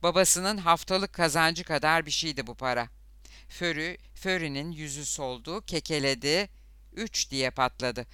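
A man narrating an audiobook in a steady, even storytelling manner. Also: a little high, moderate pace, smooth, no echo.

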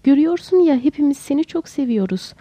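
A woman voicing a gentle young woman who speaks in a soothing, kindly way. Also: sits high, expressive, quick pace, no echo. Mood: reassuring. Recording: dull lo-fi dry recording.

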